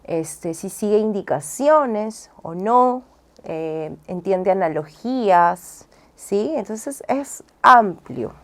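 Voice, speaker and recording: A woman's voice: mid-range voice, expressive, slow. A woman speech and language therapist explains things to a listener in a patient, teacherly way. She keeps checking in with short tag questions. Now and then she sounds out syllable drills the way she would with a child. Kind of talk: explaining as an interview guest.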